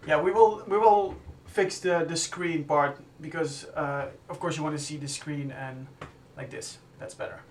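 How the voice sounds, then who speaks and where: Guy producer chatting on a live stream, kinda higher voice, stops and restarts a lot, sounds roomy and a bit away from the mic. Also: fairly even intonation. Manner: thinks aloud while working, halting with restarts. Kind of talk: casual live-stream explanation. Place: music studio. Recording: roomy studio sound from a distance.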